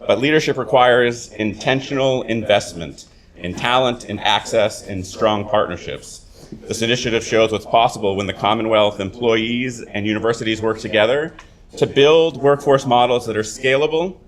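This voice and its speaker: Male dean, formal prepared ceremony remarks, halting uhs, mid-range voice. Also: medium pitch. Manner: formal, with halting uh fillers and restarts. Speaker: university dean.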